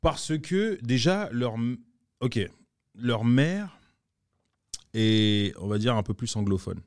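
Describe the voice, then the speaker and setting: Male host, mid-pitched, teasing and easygoing, dry close recording. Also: animated, no room sound. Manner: laughing, teasing, drawn-out exclamations. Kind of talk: casual chat.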